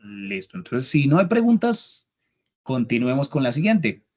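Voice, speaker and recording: A man's voice: medium pitch, very animated, a little slow. A young man teaching an English grammar class, patiently repeating each step and checking that students follow. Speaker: English instructor. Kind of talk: online class explanation.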